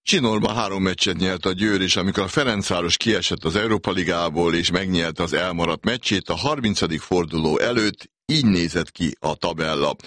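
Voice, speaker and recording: A man's voice: low-pitched, few pauses, fairly bright tone, dry recording, clean studio sound. A man reading a scripted football season recap as a voice-over. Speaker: sports narrator.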